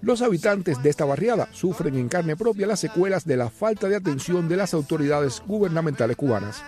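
A male field reporter narrating a news report in a measured, formal way. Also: on the high side, lively intonation, dark tone, soft background music.

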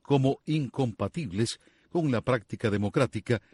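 Male correspondent, husky voice, dry close studio sound, steady formal read. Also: medium pitch, normal speed, no room sound. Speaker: radio correspondent. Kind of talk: scripted news report.

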